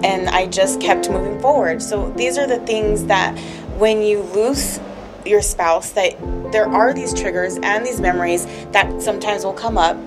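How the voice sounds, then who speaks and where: A woman's voice: medium pitch, measured pace. Candid woman talking, music underneath. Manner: candid and emotional, heavy use of "like". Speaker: podcast co-host. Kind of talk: casual personal talk with her husband.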